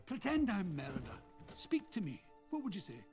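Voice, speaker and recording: An actor playing a hearty, boisterous king and father with a gravelly voice, from a film soundtrack with music behind. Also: high voice, huge pitch swings, moderate pace. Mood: teasing.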